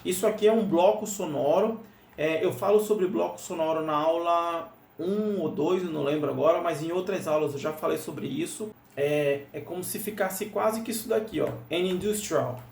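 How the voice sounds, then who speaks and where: A man's voice: a little high, normal speed, creaky, darkish tone. A Brazilian man with a Brazilian Portuguese accent teaches an English lesson, explaining patiently and asking "né?" often. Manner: explains patiently, full of "né?" and repeats. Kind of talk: screen-share lesson walkthrough. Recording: roomy, slightly distant mic, faint noise.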